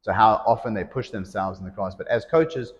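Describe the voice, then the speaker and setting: Low-voiced man coaching, echoey lo-fi sound. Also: brisk. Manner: projecting, expressive coaching voice. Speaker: CrossFit coach. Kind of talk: casual podcast chat. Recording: lo-fi audio in reverberant room.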